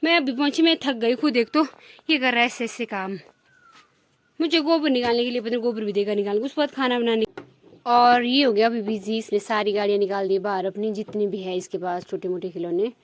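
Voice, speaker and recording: This woman's voice runs on the high side and moves fairly quickly. As a village vlogger with a Himachali Pahadi Hindi accent, she chats to her viewers in a rambling, filler-heavy way.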